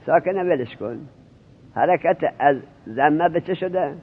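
A man's voice: on the high side, animated, slightly rough. Man drilling grammar over a tinny line. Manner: questioning, drilling students. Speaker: seminary teacher. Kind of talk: Arabic grammar lesson in Persian. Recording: tinny lo-fi narrowband recording.

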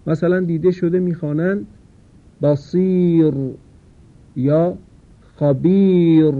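A man's voice: a little high, breathy edge. Man teaching recitation, tinny sound. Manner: patient, explanatory, stretches out example words. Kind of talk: tajweed lesson.

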